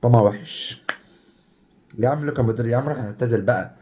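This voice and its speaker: Egyptian man, young adult, rapid delivery, mellow dark tone, excitable gameplay chatter. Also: mid-range voice. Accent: Egyptian Arabic. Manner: excitable, chatty, swings between hype and groans. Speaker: gaming YouTuber. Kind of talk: casual gameplay commentary.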